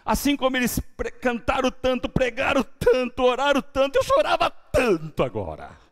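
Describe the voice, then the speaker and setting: A man with an extremely high-pitched voice preaches as pastor in a church, telling his testimony at a moderate pace in a Brazilian Portuguese accent. He swings from quiet, hushed lines to loud, lively outbursts.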